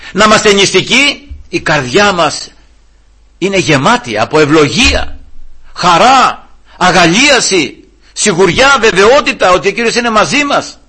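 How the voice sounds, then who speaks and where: A man's voice: a little high, sharp tone, breathy edge. A male preacher giving a sermon, telling a Bible story and calling his listeners brothers.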